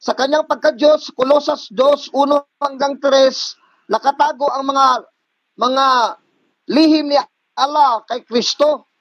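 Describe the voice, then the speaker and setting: A man's voice: extremely high pitch, fairly even intonation, dry recording. A man debating religion in an online call, rattling off scripture citations. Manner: rapid, citing scripture verses. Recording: dull lo-fi call audio.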